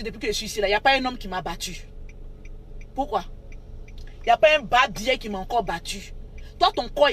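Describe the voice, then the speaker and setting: A woman's voice: high voice, a bit bright, slight background noise. A woman hosting an unscripted live stream on her phone, scolding and mocking her viewers and repeating herself for emphasis.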